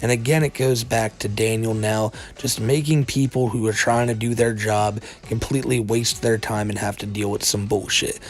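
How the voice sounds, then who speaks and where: A man's voice: lowish voice, fairly even intonation, normal speed, hardly any pauses. A man giving casual, incredulous commentary on internet drama, with a sardonic, informal way of talking and some casual swearing. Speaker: commentary video narrator.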